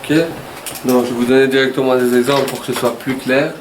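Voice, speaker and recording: A man's voice: mid-range voice, little pitch movement, fast, background noise. A man from Wallonia with a Walloon Belgian French accent, teaching Arabic letters to a class in a patient, joking way and checking in with "ok?". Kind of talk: classroom lesson. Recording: echoey classroom from far off.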